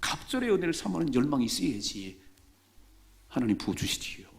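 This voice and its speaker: A man's voice: mid-range voice, very animated, a little fast, creaky. A male pastor preaching a revival sermon, urging the congregation on and acting out the voices of people in the story. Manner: exhorting the congregation, calls for amens.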